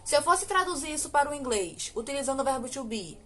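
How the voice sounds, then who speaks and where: A woman's voice: sits high, very animated, sharp tone, slight background noise. Brazilian woman teaching English grammar. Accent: Brazilian Portuguese. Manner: slow, drawn-out model English sentences between quick explanations; asks rhetorical questions, frequent "ok?". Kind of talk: recorded online grammar lesson.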